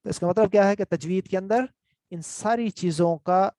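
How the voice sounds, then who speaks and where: A man's voice: high-pitched, warm tone, no echo. A man explains a lesson patiently, repeating key terms and often checking that his listeners follow. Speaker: teacher. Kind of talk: online lesson with screen notes.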